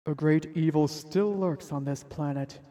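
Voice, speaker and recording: A man's voice: on the high side, unhurried, warm tone, slight background noise, close to an everyday voice. A man reading out the solemn lines of a disembodied, unseen guardian voice from a video game. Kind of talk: reading game dialogue aloud on a stream.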